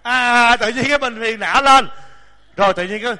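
A man, a Buddhist monk giving a lively, joking dharma talk to a large audience, acting out voices and scolding himself. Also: very high-pitched, fairly quick, noisy background. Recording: long hall reverb.

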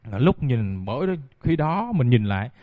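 In a mid-range voice with big pitch swings and a normal pace, a monk shares stories in a dharma talk, speaking straight to those listening. There is no echo; the recording sounds dull, dry, and lo-fi.

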